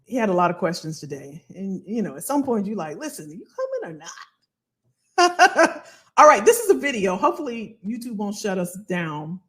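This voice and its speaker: A woman hosting a casual livestream as a financial coach, animated and colloquial, repeating phrases for emphasis. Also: mid-range voice, normal speed. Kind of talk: casual livestream talk to viewers.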